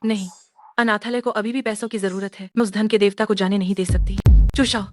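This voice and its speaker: A woman's voice: mid-range voice, steady tone, a little fast, no room sound, faint music behind, lightly acted. An actress playing an earnest, determined young woman doctor in a Hindi drama dub.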